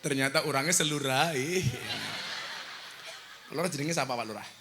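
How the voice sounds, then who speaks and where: A man in his forties with a Javanese accent, preaching a comic sermon to a crowd and teasing with loud bursts. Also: mid-range voice, moderate pace. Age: 40s. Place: outdoor religious gathering with crowd. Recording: long hall reverb, faint noise.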